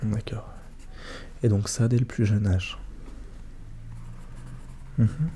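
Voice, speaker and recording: A man doing a soft-spoken, ASMR role-play as a psychologist, questioning gently and attentively in a hushed voice that drifts into speaks softly. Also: lowish voice, steady tone, slow, slight background noise. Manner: gentle, attentive questioning with short murmured acknowledgements.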